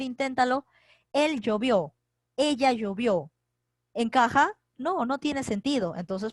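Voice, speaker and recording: Higher-voiced teacher, dry sound. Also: female voice, no room sound. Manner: patient, repetitive explaining with frequent tag questions; slows down to spell out example sentences. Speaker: secondary school teacher. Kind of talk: online grammar lesson. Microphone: computer mic for a virtual class.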